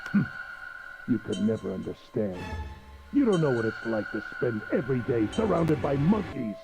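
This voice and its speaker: A woman's voice: rumbling low, very animated, normal speed, vocal fry, over music, pitched below the performer's own voice, exaggerated voice, low-quality recording. A woman voicing a smug, cruel middle-aged man villain in a pompous, mocking way while reading a visual novel aloud.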